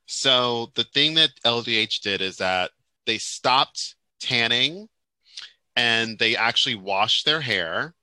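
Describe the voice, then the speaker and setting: A man co-hosting a casual chat, rambling and animated, full of restarts and asides. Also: medium pitch, slow pace, no room sound. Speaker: podcast co-host. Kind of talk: casual chat about Japanese pop music.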